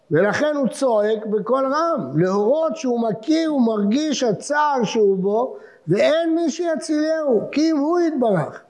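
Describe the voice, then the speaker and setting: A man's voice: extremely high pitch, a little mellow. A man gives a rabbinic talk. He explains old texts and quotes verses, and his emphasis rises as he reads them. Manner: expounding texts, quoting verses with rising emphasis. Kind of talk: Torah lecture before Selichot.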